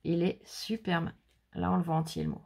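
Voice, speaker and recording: A woman's voice: lowish voice, sing-song, moderate pace, vocal fry, mellow. A woman hosting her crafting channel, chatting casually and effusively while showing handmade cards and teasing someone off camera. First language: French. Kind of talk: casual unboxing chat.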